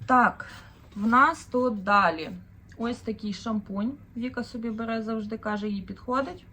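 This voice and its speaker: A woman's voice: a little high, moderate pace, sharp tone, a little hiss or hum. A woman in her thirties from Ukraine, chatting casually through a shopping haul as a vlogger, thinking aloud with fillers. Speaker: vlogger, mother of four.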